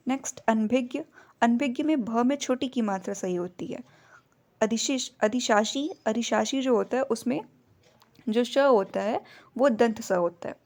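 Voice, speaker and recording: A woman teaching a Hindi grammar lesson, steadily going through misspelled words and giving the correct spelling of each. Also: on the high side. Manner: steady, explanatory listing of words. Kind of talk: spoken lesson explaining word spellings.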